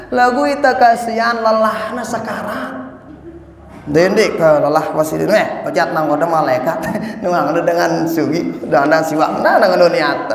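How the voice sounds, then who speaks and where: A man preaching an animated sermon, speaking straight to his congregation and chanting lines of the creed. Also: high-pitched. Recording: echoey hall.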